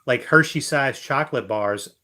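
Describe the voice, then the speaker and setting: A man co-hosting a livestream chats casually in an easygoing manner, cracking dry jokes. His mid-range voice moves at normal speed and sounds pushed and bright.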